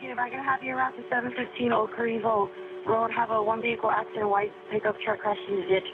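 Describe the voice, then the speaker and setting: A man's voice: extremely high pitch, flat delivery, fast talker. A male police dispatcher calling out clipped dispatch calls over a police radio transmission. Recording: tinny radio audio with music under it.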